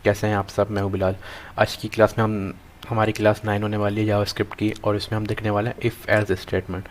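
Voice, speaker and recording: Young male programming tutor, low monotone voice, halting think-aloud delivery at a desk mic. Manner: thinks aloud while typing, halting with many restarts. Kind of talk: screen-recorded coding lesson.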